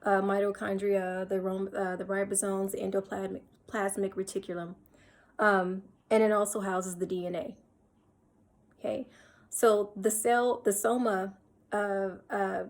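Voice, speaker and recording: Woman teaching a slide lecture, average pitch, lots of uh and restarts, goes over things twice. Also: level tone, measured pace. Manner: explains step by step, repeats points, many fillers and restarts.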